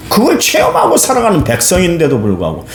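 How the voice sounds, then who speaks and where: A man preaching a dawn service sermon as pastor, colloquial and animated, acting out people's complaints. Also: on the high side, quick pace. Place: church sanctuary. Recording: echoey church hall, faint hum.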